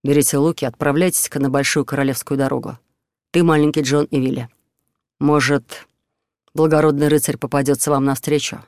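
Man reading a calm genial outlaw leader. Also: fairly high pitch, brisk, smooth, no room sound, studio quality, natural voice. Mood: commanding. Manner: calm, good-humoured.

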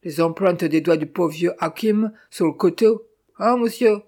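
A narrator voicing a sly male servant who speaks in broken pidgin, loud and mocking. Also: mid-range voice, unhurried. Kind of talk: audiobook character voice.

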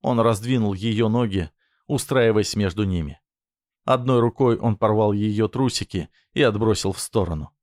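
A man narrating a story in a steady, even reading voice. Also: fairly low pitch, normal speed, no room sound, studio quality.

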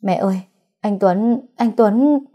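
Một phụ nữ đóng vai cô vợ trẻ hoảng hốt, nói nghẹn ngào, van nài. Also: female voice, lowish voice, moderate pace, dark tone, lightly acted. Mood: panicked. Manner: pleading, breathless. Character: panicked young wife, tearful and pleading.

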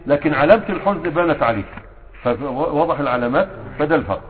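A man's voice: on the high side, animated, fast talker, a little hiss or hum. A man with an Egyptian accent teaching a grammar class, constantly quizzing his students with rhetorical questions. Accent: Egyptian Arabic. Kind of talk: classroom lesson. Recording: tinny phone-like sound with long hall reverb.

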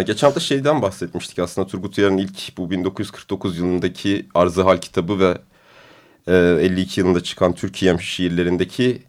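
A man hosting a radio discussion program, with a deep, booming voice and a relaxed, hesitant delivery full of fillers. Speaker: radio show host.

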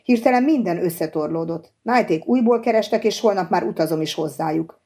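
A woman's voice: lowish voice, vocal fry, mellow. A woman reading the lines of an apologetic, evasive young man in an audiobook, in a soothing, coaxing way.

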